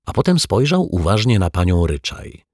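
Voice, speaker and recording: A man reading a children's story aloud in a measured, deliberate narration. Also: low voice, big pitch swings, breathy edge, dry recording, studio quality. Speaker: audiobook narrator.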